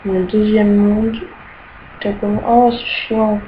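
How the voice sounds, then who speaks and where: A young woman gives a casual, screen-recorded tour of her rooms in an online game, speaking slowly in a medium-pitched voice with little pitch movement. She hesitates a lot and gets annoyed easily by glitches, recorded on a dull lo-fi home mic with faint hiss.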